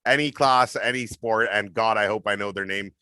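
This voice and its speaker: A man's voice: lowish voice, moderate pace, bright, forceful tone, clean tone, no room sound. A man hosting a casual streaming interview, asking long rambling questions in a friendly way. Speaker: podcast host.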